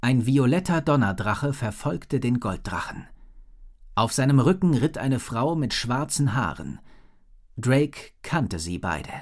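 A man narrating a children's fantasy story as an audiobook. His mid-pitched voice rises and falls a great deal as he reads, lively and expressive. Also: a little slow.

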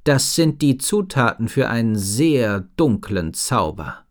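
A man reading a storybook and voicing a worried, wise female head sorceress who speaks slowly and gravely. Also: medium pitch, sing-song.

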